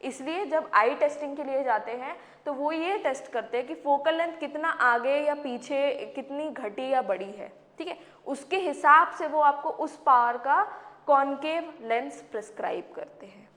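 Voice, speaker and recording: A woman's voice: high voice, normal speed, a bit bright, in a large hall. A woman teacher with an Indian accent, giving a classroom science lecture in a questioning, coaxing manner. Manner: asks questions and answers them herself, calls students beta.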